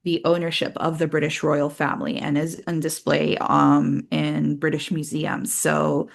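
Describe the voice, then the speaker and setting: A woman with a low voice and plenty of vocal fry gives casual commentary as a podcast co-host. She takes her time, explaining things in a halting way with lots of fillers and pauses. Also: flat delivery. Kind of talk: casual talk, commentary on culture news.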